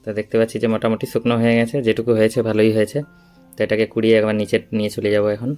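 A man's voice: on the low side, monotone, racing, a little mellow, smooth, faint music behind. A man, narrating his household chores in a chatty home vlog. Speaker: family vlogger. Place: home and rooftop.

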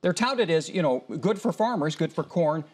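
A middle-aged man, a local TV news anchor, putting questions to a guest in a brisk, conversational way. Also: fairly high pitch, lively intonation, a little mellow. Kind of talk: TV news interview. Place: TV studio set. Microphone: lapel mic.

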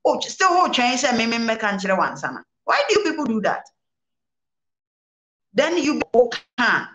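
Very animated, bright and forceful, a fairly high-pitched woman's voice rings at normal speed through an echoey room. She's a reverend guest with a Ghanaian accent on an indoor studio set, answering interview questions in a preaching manner, mixing English and Twi and repeating her phrases for emphasis.

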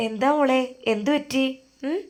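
A woman's voice: sits high, moderate pace, pitched above the performer's own voice, close to an everyday voice. A woman voicing a kindly middle-aged woman doctor who coaxes and teases a patient in an audio story. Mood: coaxing. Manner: coaxing, teasing questions.

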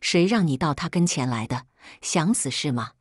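A woman's voice: low voice, animated, normal speed, husky, no echo, studio quality. A woman reading an icy ruthless rich husband. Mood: menacing. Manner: icy and menacing.

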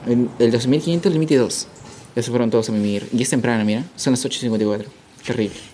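A man's voice: mid-range voice, quick pace, a little hiss or hum. A man streaming a football game live, calling plays like a sports caster and repeating phrases in chant-like bursts. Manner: playful hype shouts.

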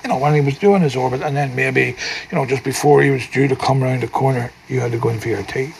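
A man playing a gentle Northern Irish grandfather. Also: medium pitch, fairly even intonation, fast talker, creaky, a little hiss or hum, close to an everyday voice, poor audio. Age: older. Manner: soft-spoken, wry, tender. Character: gentle wise teasing old grandfather. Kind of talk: film drama acting.

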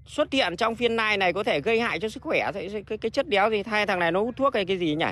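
Fast, bright-voiced blunt man. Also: high-pitched. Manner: blunt, rambling, swears freely, many restarts. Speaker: livestream host selling plants. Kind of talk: casual livestream chat.

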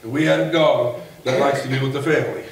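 A man in his forties preaching a sermon from a pulpit in a folksy, animated way that builds to a shout. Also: mid-range voice, quick pace. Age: 40s. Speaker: pastor. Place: church sanctuary, at a pulpit. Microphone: far camera at the back of the room. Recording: echoey church from far off, faint hiss.

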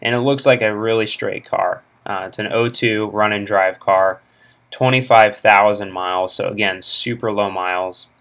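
A man's voice: fairly low pitch, fairly even intonation, normal speed, fairly bright tone. A young man casually talking through car auction listings at home, rambling with lots of fillers, recorded on a laptop's built-in mic. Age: young adult. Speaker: car vlogger. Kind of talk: casual screen-recorded commentary. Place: home room, indoors. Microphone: laptop internal mic.

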